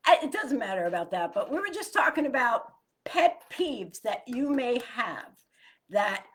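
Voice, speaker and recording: A woman's voice: a little high, very animated, moderate pace, fairly bright tone, husky. A woman co-hosting a casual morning chat show, talking in a chatty, loose way and laughing often.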